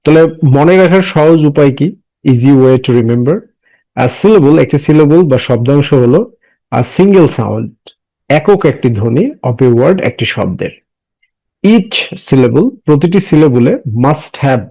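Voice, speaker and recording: A man teaching an English lesson with a Bengali accent. He spells words out and breaks them into syllables slowly. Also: medium pitch, lively intonation, vocal fry, warm tone, muffled recording. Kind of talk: recorded classroom lesson.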